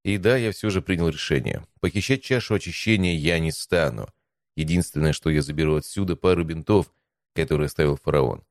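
A man narrating a first-person audiobook in an even, measured reading. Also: rumbling low, no echo, clean studio sound.

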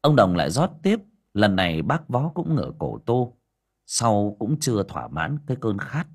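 A man narrates a ghost story in a low, husky voice. His storytelling is dramatic, with pitch that rises and falls widely. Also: big pitch swings, normal speed. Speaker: audio story narrator, livestream host.

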